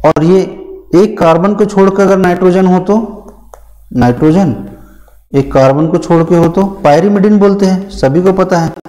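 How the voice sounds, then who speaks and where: A man teaches a pharmacy lesson in a mellow, darker voice pitched a touch above the usual. He works through the material step by step, repeats key terms and answers his own questions, calling the students "beta". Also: normal speed, low-quality recording. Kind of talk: whiteboard lecture.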